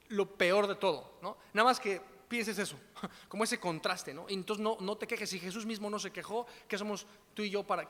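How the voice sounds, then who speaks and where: Pastor, chatty slangy sermon, high bright voice. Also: male voice, long reverb tail. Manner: chatty, slangy, frequent tag questions. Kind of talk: casual sermon teaching.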